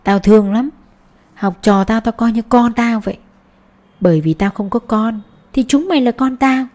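A woman voicing a genial, talkative middle-aged male schoolteacher in a storybook reading, her own mellow voice pitched up a little. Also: moderate pace, lightly acted.

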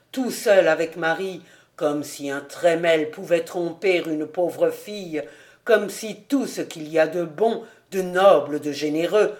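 A woman voicing a rough old charcoal burner, a remorseful father, speaking low and slowly as if to himself. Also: darkish tone. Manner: low, slow, murmured as if to himself. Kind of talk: audiobook character reading.

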